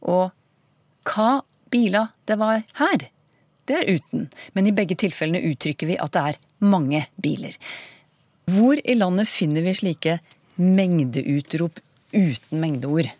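A woman interviewing a guest, asking brisk questions and summing up the answers. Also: low voice, warm tone, dry recording. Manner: brisk, guiding questions and summaries. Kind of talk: radio interview.

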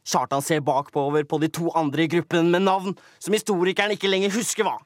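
A man's voice: little pitch movement, no echo, clean studio sound. Theatrical man narrating a mock documentary. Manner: theatrical, swings between booming and hushed. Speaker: comedy show host.

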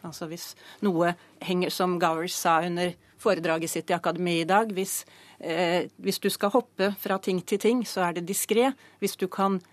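A woman's voice: fairly low pitch, steady tone, no echo. A woman professor chairing a prize committee, explaining her field in a studio news interview with frequent hesitations and fillers.

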